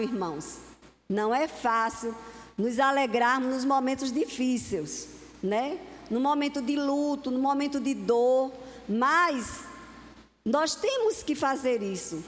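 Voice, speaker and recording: A woman's voice: high-pitched, animated, measured pace. A woman preacher delivering a sermon to a congregation in an earnest, repeating cadence. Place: church hall. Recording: long hall reverb.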